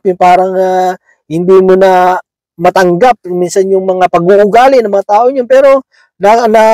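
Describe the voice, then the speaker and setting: A man's voice: high-pitched, a little mellow, no echo, low-quality recording. A man preaching a sermon in a conversational way, checking in with his listeners after nearly every phrase.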